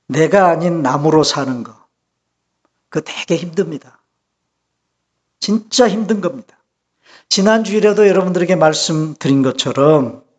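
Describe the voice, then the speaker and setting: A man, the church's pastor, preaching a sermon and putting rhetorical questions to the congregation in a lively, rising delivery. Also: on the high side.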